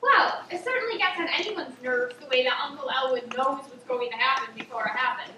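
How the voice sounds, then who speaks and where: A woman playing a flighty, prim young woman on stage with a bright sing-song theatrical delivery. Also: high voice, a little fast, natural voice. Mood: chatty. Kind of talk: amateur stage play. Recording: distant stage, echoey theater, audible room noise.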